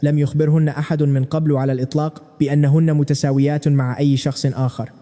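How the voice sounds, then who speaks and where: A male narrator telling a dramatic first-person story at a brisk clip. His tone is deep-colored and mellow, sitting a bit higher than usual, with a long reverb trailing behind it. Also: flat delivery.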